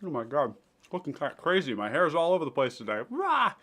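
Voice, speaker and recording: A man's voice: mid-range voice, expressive, fast, fairly bright tone. Chatty male streamer eating on mic. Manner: chatty, eating while talking, reads out chat. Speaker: streamer host. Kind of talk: casual live-stream chat.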